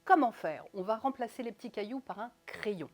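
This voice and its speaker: In an instructional video, a woman coaches public speaking with crisp articulation and lively, strongly stressed intonation. Her voice is medium-pitched and fairly quick.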